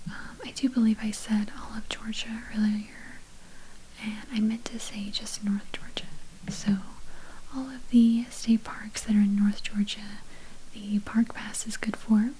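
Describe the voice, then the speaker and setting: A woman in a whispered role-play as a patient, helpful librarian, speaking in a soft, breathy library whisper with polite, unhurried manner. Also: mid-range voice, level tone, slight background noise, rough recording. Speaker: ASMR performer playing a librarian.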